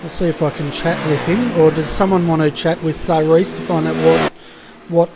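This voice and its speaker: A man's voice: on the high side, fairly even intonation, normal speed, gravelly, background noise. A man doing easygoing, casual commentary on an online motor race over voice chat. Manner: easygoing, chatty, laughs with co-hosts.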